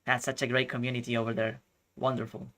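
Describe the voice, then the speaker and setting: A man from Chile streaming chess, thinking out loud through his moves and chatting with viewers. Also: medium pitch, little pitch movement, fast talker. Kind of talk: live-stream commentary.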